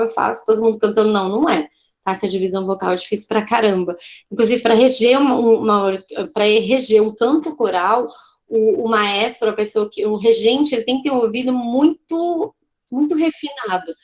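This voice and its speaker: A woman with a Brazilian Portuguese accent and a somewhat high voice teaches an online art class. She explains things chattily, checks in with her students often, and corrects herself along the way.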